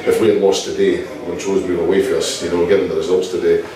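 A middle-aged Scottish football manager giving a post-match interview, talking quickly with lots of "you know" fillers. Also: male voice, sits low, level tone, very echoey, distant mic, crowd noise, low-quality recording. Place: indoor press area in front of a sponsor board.

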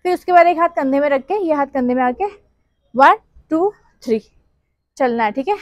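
A woman's voice: high voice, expressive, normal speed, no room sound. A woman dance teacher, explaining steps and counting beats aloud, sometimes singing along. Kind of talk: dance tutorial instruction with counting.

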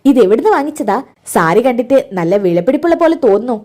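A doting older mother coaxes and pleads with her daughter, as a woman storyteller voices her. The voice is fairly high and the talk runs fast. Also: big pitch swings, mellow. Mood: coaxing. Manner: coaxing, affectionate.

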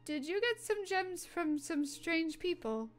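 A woman voicing a bubbly young fox-eared shopgirl in a narrated role-play story, talking in an overly excited way and tripping over her words. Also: very high voice, measured pace, faint music behind, pitched above the performer's own voice, heavily acted. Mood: puzzled.

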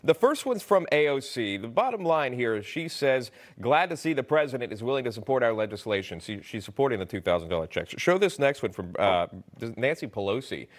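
A man hosts a cable news segment in a brisk, businesslike way, summing up quotes and then turning to his guest with pointed questions. His voice sits in an ordinary middle pitch. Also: big pitch swings. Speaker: news host.

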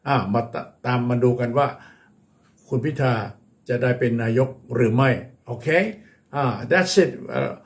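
A man with a Thai accent teaching English vocabulary, switching between Thai and English and repeating key words slowly for his learners. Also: mid-range voice. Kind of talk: bilingual vocabulary lesson.

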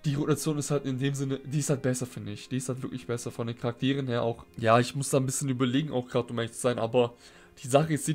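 A young man hosts a gaming video with music playing behind him. He sounds conversational and slangy, reasoning out loud at a middling pitch as he explains his choices. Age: young adult. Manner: thinking aloud, explanatory, slangy. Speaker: gaming video host rating viewers' game teams. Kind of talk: casual, conversational game commentary. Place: small indoor room at home. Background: background music.

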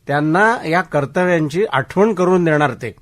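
A man's voice: a little high, lively intonation, normal speed, fairly bright tone. An actor playing an elderly man who speaks bluntly and lectures his friend about neglectful children. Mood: lecturing. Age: older. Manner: blunt, lecturing, plain-spoken. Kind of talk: radio drama acting.

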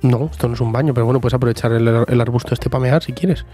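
A man's voice: mid-range voice, fairly even intonation, fast talker, warm tone, faint music behind. A man streaming a life-sim game live, chatting jokily with viewers and talking to his character. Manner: chatty, jokey, talks to chat and to the sim. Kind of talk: casual live gameplay chat.

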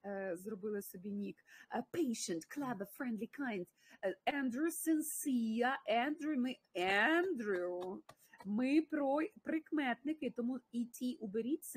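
A woman with a Ukrainian accent leads an online English lesson in a slightly high, husky voice. She switches between Ukrainian and English and praises her students by name. The sound is dry and close. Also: a little mellow, dry recording. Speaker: English teacher. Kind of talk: online livestream language lesson.

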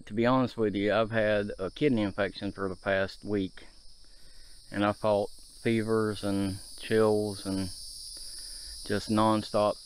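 A man's voice: fairly low pitch, a little hiss or hum. A man in his thirties chatting easygoingly to viewers as he hikes through a forest to a creek, filmed on an action camera. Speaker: outdoor vlogger. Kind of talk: casual hiking vlog narration to viewers. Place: outdoors in a forest by a shallow creek. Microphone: handheld or body-mounted action camera.

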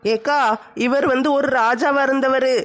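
A woman's voice: high voice, steady tone, measured pace. A woman in a comedy skit playing a naive, food-obsessed joker.

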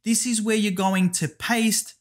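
A man hosting a screen-share software tutorial, giving step-by-step instructions and often saying "guys" and "over here". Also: high voice, fairly even intonation, a little slow. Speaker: YouTube tutorial host.

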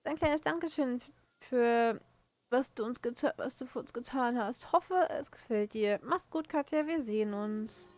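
A kind stable owner thanking a helper with a wry edge, read by a woman. Her fairly high voice is recorded dry and close. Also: measured pace, no echo, close to an everyday voice. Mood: grateful.

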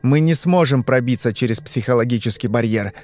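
A man's voice: medium pitch, fairly quick, a little mellow, no echo, lightly acted. A man doing a curt, demanding hypnotist. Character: stern bearded male hypnotist investigator. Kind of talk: audiobook reading.

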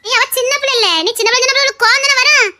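A woman's voice: very high voice, fairly even intonation, very fast, bright, forceful tone, slight background noise, heavily acted. A woman with a Tirunelveli Tamil accent voicing a fussy, bossy middle-aged village aunt who scolds insistently. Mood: scolding.

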